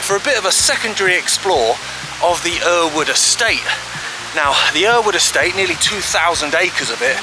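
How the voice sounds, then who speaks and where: A man's voice: fairly high pitch, poor audio. A man hosting a walking vlog outdoors by a river, chatty and enthusiastic, a bit out of breath as he walks and films. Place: outdoors in a wooded valley by a river.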